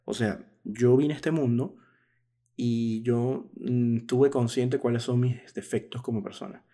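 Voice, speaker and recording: A man's voice: medium pitch, measured pace, dark tone. A man in his thirties hosting a podcast, talking frankly and reflectively in a casual monologue, now and then laughing at himself. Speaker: podcast host.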